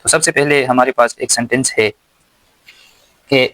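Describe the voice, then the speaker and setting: A man with a Pakistani accent teaching English slowly and deliberately, pausing word by word and repeating his questions. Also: medium pitch, fairly even intonation, bright, forceful tone, no echo, poor audio. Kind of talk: slow spoken English lesson.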